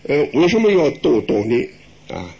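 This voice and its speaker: Chuckling old monk, lively voice, lo-fi. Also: male voice, a little high, normal speed, husky. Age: older. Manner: folksy, chuckling, asks rhetorical questions. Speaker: Buddhist monk teacher. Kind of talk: dharma talk answering questions. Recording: dull lo-fi recording.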